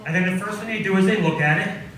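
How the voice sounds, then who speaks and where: Middle-aged male comic, slightly high voice, self-mocking stand-up set, heard through a far mic in a very echoey room. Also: fast, fairly bright tone. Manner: self-deprecating punchline delivery. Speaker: stand-up comedian. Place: coffee house stage.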